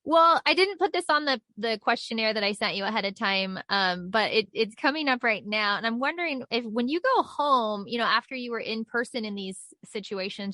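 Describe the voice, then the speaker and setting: A woman with a bright, clear-edged tone, recorded close and dry. She interviews conversationally, reacting to answers and posing questions as the host. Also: medium pitch, no echo.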